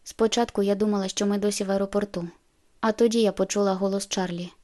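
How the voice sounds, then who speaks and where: Woman reading a novel aloud, monotone, mellow voice. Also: mid-range voice, quick pace. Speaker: audiobook narrator. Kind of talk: scripted narration.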